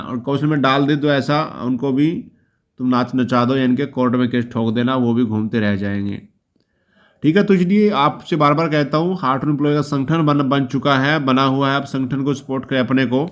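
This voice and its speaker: A man hosting his own channel, talking through a job policy in an informal, reassuring way and often closing a point with a quick check-in. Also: medium pitch. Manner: explanatory, reassuring, often ends points with "ठीक है". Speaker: YouTube channel host explaining job policy. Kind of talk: informal explainer talk.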